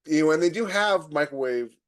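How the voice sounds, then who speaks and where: Animated and brisk, this man's slightly high voice carries a laid-back podcast discussion he co-hosts. He's a military sci-fi writer explaining things conversationally, often letting sentences trail off before restarting them.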